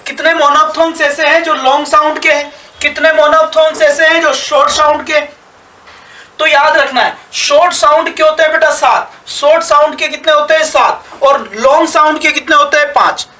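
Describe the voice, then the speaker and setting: A man's voice: very high-pitched, fairly even intonation, moderate pace, bright, forceful tone. A male teacher giving a live online class. He repeats each point, asks questions and answers them himself, and praises his students often. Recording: echoey room, mic at a distance.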